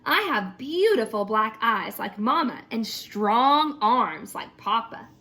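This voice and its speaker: Reading a picture book to a group of children, a woman teacher speaks expressively before quizzing the class on the story. Her voice is on the high side and her pace slow.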